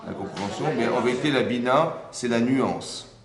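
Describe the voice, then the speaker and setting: With a crowd audible behind him, a man with a medium-pitched voice speaks at normal speed while teaching an interactive religious lesson to a small group. He asks questions, checks in with his listeners and frequently repeats words as he searches for phrasing. The recording has a roomy sound and faint background ambience.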